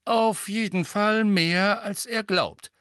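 A man doing a calm, measured peacemaker. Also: high-pitched, smooth, no room sound, studio quality, pitched above the performer's own voice. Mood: calm firm. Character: calm mediating grown man, gentle and reasonable. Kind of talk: audiobook character voice.

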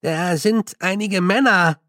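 A man's voice: sits high, slow, bright, forceful tone, no echo, clean studio sound, voice pushed up, exaggerated voice. A man voicing a timid young male clerk who speaks hesitantly. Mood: nervous. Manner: hesitant and unsure. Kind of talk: audiobook character voice.

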